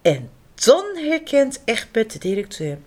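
A woman reading picture books aloud to children, unhurried and deliberate. Her voice sits a little high and swoops through a very wide range in a sing-song manner. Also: sing-song.

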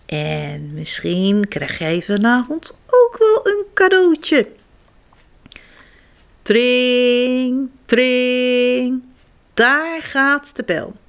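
A woman's voice: mid-range voice, creaky. A woman reading a children's picture book aloud, giving the characters their own voices. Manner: lively, slow storytelling with voices for the characters. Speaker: storybook reader.

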